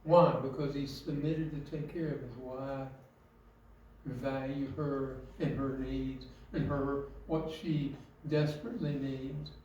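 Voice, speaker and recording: A man preaching a sermon, earnest and emphatic, asking rhetorical questions with slow, weighted phrasing. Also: medium pitch, fairly even intonation, dark tone, recorded from a distance, highs cut off, a little hiss or hum. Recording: very echoey, from off mic.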